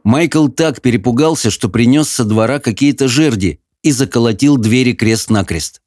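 A man giving expressive, measured audiobook narration of a fantasy novel. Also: medium pitch, no room sound, studio quality.

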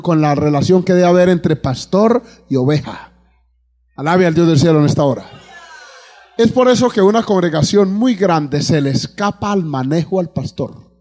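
A man's voice: sits high, darkish tone. A man with a Colombian accent preaching to his congregation as a pastor in church, calling out amens and asking them questions, often repeating words as he searches for the next one. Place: church before a live congregation.

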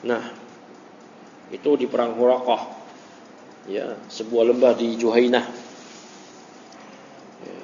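Here the same kind of study session has a male religious teacher with a mid-range, mellow voice that is flat, slow and creaky, pausing often. He reads Arabic text, explains it in everyday speech and performs quoted dialogue from a classical work. Sound quality is dull and lo-fi, with hall echo and a faint hiss.

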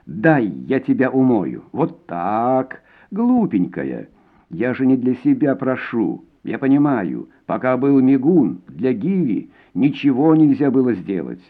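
A smooth-voiced baritone man coaxes gently, as the reader voices him. His pitch moves in a lively way. The sound is thin and phone-like. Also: moderate pace, lightly acted. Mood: soothing. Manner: soft, coaxing. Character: soft-spoken, smooth male baritone singer.

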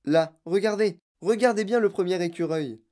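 A woman voicing an eccentric, lively male chocolate maker who explains things with animated enthusiasm. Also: on the low side, moderate pace, pitched above the performer's own voice, natural voice. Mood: enthusiastic.

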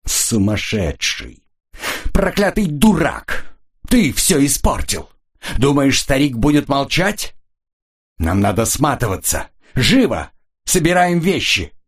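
A man voicing a sharp, quick-tempered woman who scolds and gives urgent orders. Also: mid-range voice, big pitch swings, slightly rough, voice pushed up.

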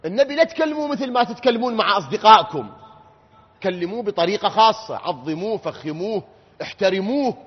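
Iraqi preacher, quick and rising to shouts; lo-fi recording in a reverberant hall. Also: male voice, high voice, expressive, slightly rough. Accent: Iraqi Arabic. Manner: swings from quiet explanation to loud emphatic questions. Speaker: cleric. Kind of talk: religious lecture.

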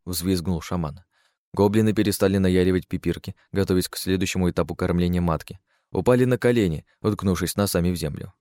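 Male audiobook narrator, low voice, dry close sound, sardonic crude first-person telling. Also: fast, darkish tone, dry recording.

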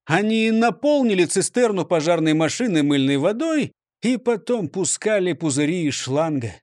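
Animated man reading a children's storybook. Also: high-pitched, dry recording, clean studio sound. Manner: animated, expressive. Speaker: narrator. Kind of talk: storybook narration.

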